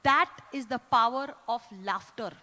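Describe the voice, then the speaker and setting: High-energy Indian woman hosting a live event. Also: unhurried. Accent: Indian English. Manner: lively and teasing, switches into loud cheers and laughter. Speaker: event host leading a corporate audience. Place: large indoor event hall. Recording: echoey hall sound.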